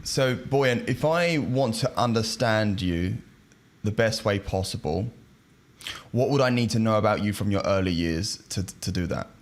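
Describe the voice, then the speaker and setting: A man's voice: lowish voice, a little slow. A man hosting a podcast, asking short, friendly questions of his guest. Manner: friendly, brief prompting questions. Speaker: podcast host. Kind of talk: scripted intro then interviewing.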